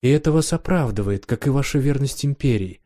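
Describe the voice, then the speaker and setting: A man's voice: medium pitch, lively intonation, fairly quick, mellow, lightly acted. A male narrator voicing a stern old politician in an audiobook, dry and dismissive.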